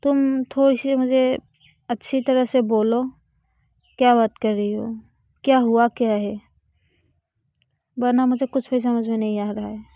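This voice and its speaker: A woman's voice: on the high side, steady tone, unhurried, pauses often, dry recording, lo-fi sound. A woman voicing a confused young college woman who keeps coaxing her friend to explain. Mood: confused, pleading.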